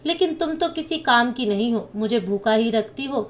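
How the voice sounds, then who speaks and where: A woman's voice: on the high side, expressive, moderate pace, close to an everyday voice. Woman playing a nagging old mother-in-law. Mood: scolding. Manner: nagging, sharp complaints. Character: stern old mother-in-law, scolding and partial.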